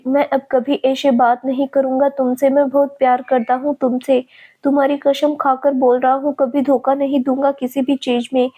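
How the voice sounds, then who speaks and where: A woman's voice: sits high, dark tone. A woman voicing a remorseful young man who pleads tearfully with the woman he loves.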